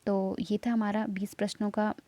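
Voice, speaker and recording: A woman's voice: mid-range voice, level tone, moderate pace, dark tone, dry recording. A woman teacher working through exam practice questions, explaining each answer step by step and checking in with the listener.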